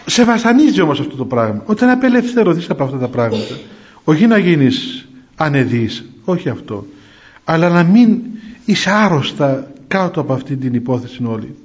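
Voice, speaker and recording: Monk guy preaching with lots of little laughs and rhetorical questions, a bit high voice, muffled lo-fi audio. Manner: lively, chuckling, asks rhetorical questions. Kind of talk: storytelling sermon. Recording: dull lo-fi recording.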